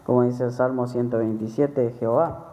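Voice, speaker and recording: A man's voice: mid-range voice, steady tone, moderate pace, warm tone. A man giving a sermon testimony in a conversational way, repeating phrases and often tagging on questions. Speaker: church member preaching. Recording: tinny phone-like sound with long hall reverb.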